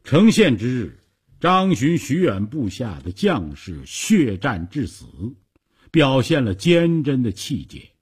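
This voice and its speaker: 一位男性说书人，以富有戏剧性的广播评书方式讲述故事。. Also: male voice, mid-range voice, slow, slightly rough. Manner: dramatic, animated storytelling. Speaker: storyteller. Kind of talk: radio story narration.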